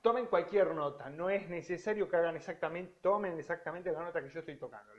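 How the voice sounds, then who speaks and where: A man's voice: on the high side, fast talker, highs cut off. A man with a Rioplatense Spanish accent teaching a beginner piano lesson, explaining rhythms and counting beats aloud, sometimes stretching out words for emphasis. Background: piano playing.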